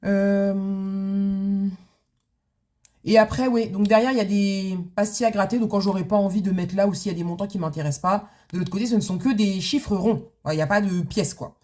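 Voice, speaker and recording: A woman's voice: mid-range voice, steady tone, normal speed, dark tone. A woman chatting casually to her viewers about her budget binder, telling a long story with many asides, fillers and restarts, from home at her desk. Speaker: budgeting vlogger. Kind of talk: casual chat to camera.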